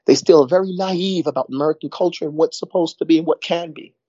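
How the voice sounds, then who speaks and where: A middle-aged New York man talks casually in a rambling way, repeating words and saying "you know" a lot. His voice sits on the high side and is fast, dark and slightly rough. The recording is dry and dull.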